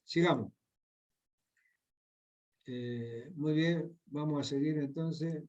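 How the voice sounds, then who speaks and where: Guy teaching med students, kinda high voice, muffled lo-fi audio. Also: takes it slowly, a little mellow. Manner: repetitive, explanatory, addresses students directly. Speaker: medical lecturer. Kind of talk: recorded slide lecture. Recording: dull lo-fi lecture recording.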